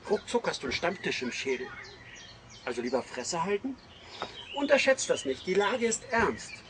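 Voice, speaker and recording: A man voicing a gruff, foul-mouthed man who lectures bluntly within a satirical column he reads aloud. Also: high-pitched, very animated, moderate pace, noisy background. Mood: ranting.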